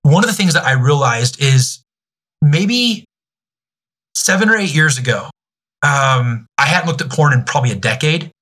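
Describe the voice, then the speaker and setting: A man in his thirties, a youth ministry director, speaking candidly as a podcast guest, pausing and restarting often. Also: on the high side, lively intonation, fairly bright tone. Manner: halting, many restarts and fillers.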